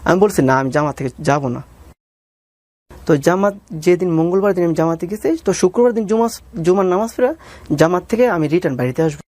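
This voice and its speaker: In a personal storytelling interview, a man with a Bangladeshi accent retells conversations from his life, staying deferential and calling the interviewer sir. His high voice is animated, brisk and darkish in tone, with no room sound.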